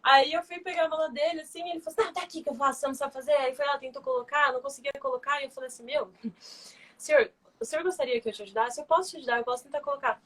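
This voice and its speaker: A young woman talks quickly, in a high voice, through her lively stories. She acts out the people she quotes. It is a relaxed, casual chat. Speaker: former flight attendant, guest.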